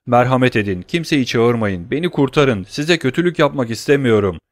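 A man's voice: mid-range voice, expressive, a little fast, natural voice. A man voicing a hunted young fugitive in an audiobook, speaking with pleading urgency. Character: hunted young male fugitive, desperate then cocky.

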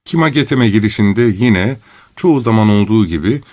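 A man narrating a literary short story in a measured, even storytelling manner. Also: fairly low pitch, no room sound. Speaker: audiobook narrator.

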